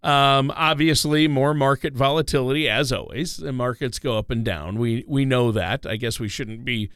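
A man's voice: medium pitch, moderate pace, a bit bright, clean tone, dry recording, clean studio sound. A man co-hosting a financial talk show, speaking in an easygoing way with frequent uh fillers. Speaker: co-host. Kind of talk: casual radio talk show chat.

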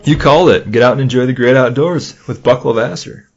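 On dull, lo-fi podcast audio, a young Yooper from Michigan's Upper Peninsula hosts a rambling, casual chat, quizzing his co-host and laughing easily. His mid-range voice moves fairly quickly.

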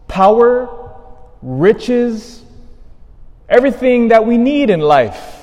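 A man's voice: high voice, a little mellow. A male priest reading the Gospel and preaching at Mass in a large church, his voice carried by a cathedral echo. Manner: measured reading, then emphatic rising stresses. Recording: long reverb of a large church.

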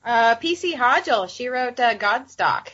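A woman's voice: on the high side, animated, measured pace, fairly bright tone. A woman player chatting casually at a tabletop game, hesitant and full of fillers. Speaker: player, publisher. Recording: dull lo-fi audio.

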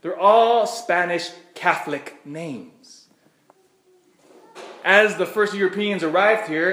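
American priest preaching, higher voice, echoey church. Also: male voice, fairly bright tone. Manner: asks the congregation questions, repeats phrases. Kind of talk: Gospel reading and conversational homily. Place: church, addressing a congregation.

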